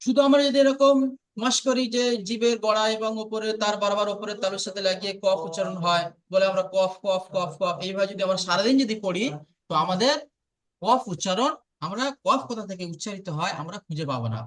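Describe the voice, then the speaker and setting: A man teaches a lesson. He talks patiently and repeats each sound slowly. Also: high voice, fairly bright tone. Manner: patient and repetitive, slowly drills sounds aloud. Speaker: Arabic pronunciation teacher. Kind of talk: online lesson.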